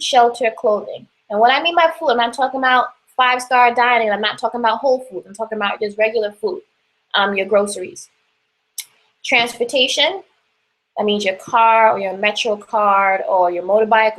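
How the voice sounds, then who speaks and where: A woman's voice: a little high, fairly bright tone, rough recording. A young woman with a New York accent giving casual personal finance advice, chatty with lots of fillers and restarts.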